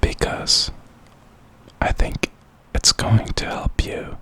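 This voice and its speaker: An ASMR creator, a man, whispers a pep talk in a breathy, unvoiced voice, sounding encouraging and reflective. His delivery is slow, with a bright, forceful tone.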